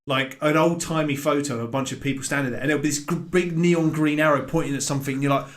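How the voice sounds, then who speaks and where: A man's voice: fairly high pitch, steady tone, quick pace. A young man co-hosting a casual podcast, rambling through stories with dry jokes and plenty of fillers. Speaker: podcast co-host.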